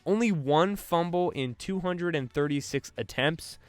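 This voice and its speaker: Guy doing a casual football draft rundown, smooth clear voice, dry close mic, lots of uh and like. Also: a little high, unhurried, no room sound. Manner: loose, filler-heavy delivery with frequent restarts. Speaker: sports podcast host. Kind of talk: casual draft prospect breakdown.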